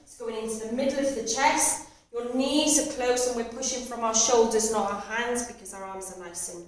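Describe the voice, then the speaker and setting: A woman's voice: on the high side, normal speed. A woman teaching a practical first aid class, putting questions to learners in an instructional manner. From Cardiff, Wales. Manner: instructional, repeats learners' answers back. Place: echoey indoor training room. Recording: very echoey room, distant mic, faint noise.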